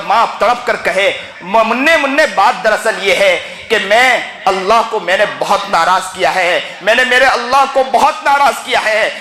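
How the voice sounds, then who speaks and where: Impassioned preacher in an echoing mosque. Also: male voice, sits high. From India. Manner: impassioned, rising to shouts, voices mother and child in quotes. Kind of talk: sermon.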